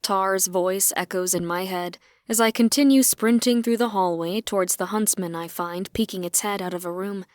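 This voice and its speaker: A woman narrating a dark fantasy audiobook in first person, with even, wry storytelling. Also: mid-range voice, moderate pace, few pauses, no echo. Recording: dry.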